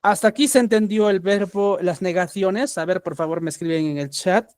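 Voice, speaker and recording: A man's voice: high-pitched, moderate pace, a little mellow, no room sound, studio quality. A man with a Peruvian Spanish accent teaching English grammar in an online class, patiently checking understanding with a rising question after each point.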